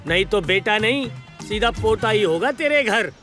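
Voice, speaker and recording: A bossy joking friend, high pitched, film soundtrack with music. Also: male voice, lively intonation, normal speed, sharp tone. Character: teasing older male friend, boastful and jokey. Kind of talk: film dialogue. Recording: film audio with music underneath.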